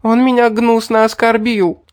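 A man doing a haughty, shrill young noble lady. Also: little pitch movement, measured pace, no room sound, clean studio sound. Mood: tearful. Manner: high, shrill and imperious.

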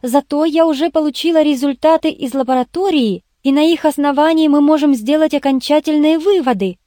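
A woman's voice: high-pitched, moderate pace, warm tone, no echo, studio quality, pitched above the performer's own voice, close to an everyday voice. A woman voicing a young female detective's assistant who purrs and pleads in a coaxing way in an audiobook. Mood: eager. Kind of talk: audiobook character voice.

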